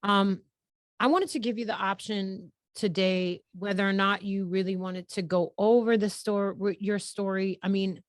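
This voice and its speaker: A woman's voice: medium pitch, fairly even intonation, moderate pace, no room sound, studio quality. A woman hosting a podcast interview, heartfelt and rambling, often laughing and tearing up. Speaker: podcast host.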